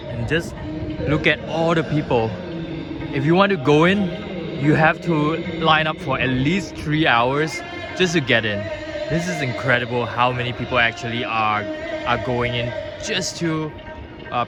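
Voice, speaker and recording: Malaysian man touring outdoors over loud music. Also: medium pitch. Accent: Malaysian English. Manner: eager tour-guide explaining as he walks. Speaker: travel vlogger. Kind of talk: travel vlog narration. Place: outdoors at a busy temple site.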